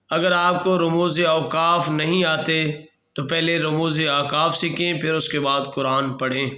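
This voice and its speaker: High-voiced man teaching slowly. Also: sharp tone, roomy sound. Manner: slow, patient explaining with examples. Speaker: religious teacher. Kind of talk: explanatory lesson.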